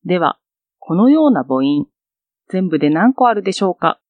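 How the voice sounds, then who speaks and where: A woman teacher narrating a scripted pronunciation lesson in an explanatory, clearly paced way. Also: lowish voice, very animated, normal speed, dry recording, narrow, tinny audio. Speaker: language teacher.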